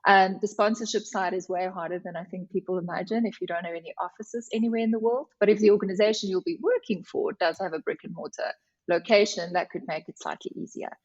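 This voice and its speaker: A woman's voice: mid-range voice, steady tone, fast talker. A woman speaks with a broad South African, Afrikaans accent in a slightly dull, lo-fi recording. She explains things conversationally and with enthusiasm, like a guest on a podcast. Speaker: company representative, interview guest. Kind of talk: conversational podcast interview answers.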